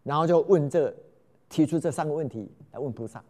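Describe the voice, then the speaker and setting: A man's voice: fairly high pitch, a little fast. A man telling a folk tale, exclaiming often and quizzing his listeners. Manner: animated, exclamatory, asks listeners questions. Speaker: storyteller.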